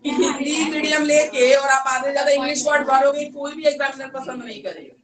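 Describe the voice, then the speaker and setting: A woman's voice: sits high, steady tone, fairly quick, a crowd in the background. A young woman teaching a class, firm and scolding as she warns her students. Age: young adult. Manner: strict, scolding, addresses students as beta. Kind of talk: classroom lecture. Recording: echoey classroom from far off.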